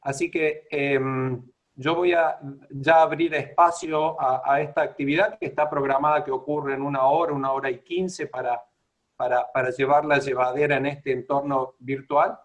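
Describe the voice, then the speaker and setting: A man moderating an online alumni meeting on a video call, introducing the speakers in a halting way with many fillers. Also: medium pitch, steady tone. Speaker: program director and moderator.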